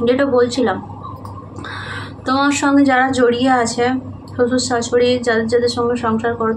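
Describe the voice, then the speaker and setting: A young woman from Medinipur chatting softly in a casual home vlog, sleepy and sweaty in the heat. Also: on the high side, slight background noise. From Medinipur, West Bengal, India. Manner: soft, hushed talk so a sleeping child stays asleep. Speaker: vlogger, housewife and mother. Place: small home indoors. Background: background music.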